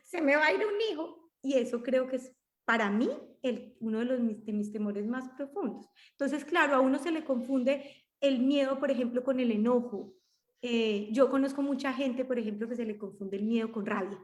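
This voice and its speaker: Colombian woman in her forties, podcast co-host: talkative, reflective, mid-high voice, roomy recording. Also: steady tone, moderate pace, a little mellow. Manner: talkative, reflective, many restarts. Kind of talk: casual conversational podcast. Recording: roomy echo.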